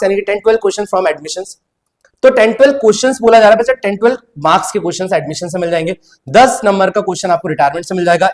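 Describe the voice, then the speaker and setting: A man giving an exam-prep accountancy lecture, mixing English terms into his Hindi and calling his students "bachcha". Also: high-pitched. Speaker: accountancy teacher.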